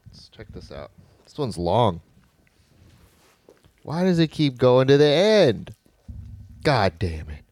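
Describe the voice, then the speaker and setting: A man's voice: medium pitch, sing-song, slow pace, pauses often, darkish tone, dry recording. A young man hosting a podcast, laid-back and joking, swearing casually as they eat. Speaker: podcast host. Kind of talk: casual chat.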